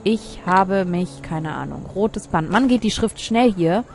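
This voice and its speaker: A woman's voice: mid-range voice, expressive, a little slow, vocal fry, a little mellow. A woman giving casual gameplay commentary as a let's player, reading game text aloud with chatty, muttered asides.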